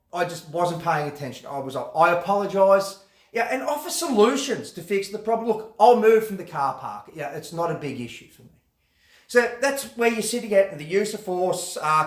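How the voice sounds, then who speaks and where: A man's voice: high voice, roomy sound. A man, a security instructor, explaining self-defence steps in a casual, conversational way, full of fillers and acted example phrases. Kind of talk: explanatory talk to camera.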